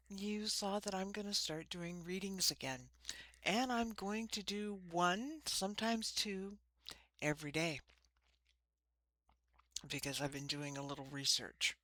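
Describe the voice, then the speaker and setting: A woman with a low voice and a slushy lisp on her s sounds talks informally to camera as a spiritual host. She speaks in short, halting phrases. The sound is close and dry. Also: pushed and bright, dry recording. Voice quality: lisping, slushy sibilants from ill-fitting dentures. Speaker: host of a spiritual card-reading channel. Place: small room.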